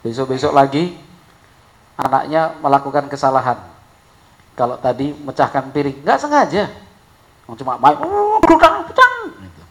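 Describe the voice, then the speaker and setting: A man preaching a sermon, telling stories with lively shifts of voice and acting out an angry father. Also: moderate pace, gravelly, pauses often, poor audio. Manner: animated storytelling, acting out an angry father in high shouts.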